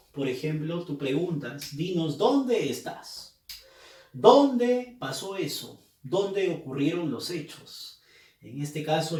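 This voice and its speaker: A male teacher gives a slow, deliberate grammar lesson, his fairly high voice swinging up and down as he stresses key words. He keeps checking in with his students. The sound is roomy and the mic sits some distance away. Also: darkish tone. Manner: emphatic, drawn-out syllables on key words; checks in with rhetorical "¿ya?" and "¿no?".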